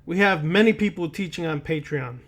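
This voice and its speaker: With lively intonation and a slightly fast pace, a man with a fairly high voice lectures to camera on the occult, which he teaches. The impromptu talk feels like a sermon: emphatic, preachy, and admonishing, aimed straight at the listener, with words and phrases repeated for weight.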